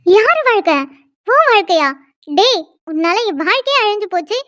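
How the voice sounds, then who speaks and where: A shrill, indignant young cartoon woman with a very high, childlike voice, as a woman acts her out. She scolds nonstop with a sharp, complaining edge. The recording is dry and close-miked. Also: expressive, moderate pace, no room sound. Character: young woman, furious, newly forced into marriage. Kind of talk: cartoon dialogue.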